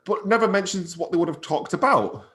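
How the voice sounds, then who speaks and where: A man's voice: sits high, animated, a little fast, fairly bright tone. A man co-hosting a podcast, recapping a film's plot from his notes in casual chat, with hesitant restarts. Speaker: podcast co-host. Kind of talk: casual film review chat.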